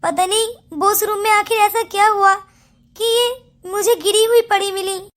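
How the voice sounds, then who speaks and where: Brief: a woman voicing a squeaky, very high-pitched cartoon sister-in-law, guilty and scheming, anxious and tearful. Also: fairly even intonation, measured pace, fairly bright tone. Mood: fearful. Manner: tearful, anxious self-talk. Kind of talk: Hindi cartoon story dub.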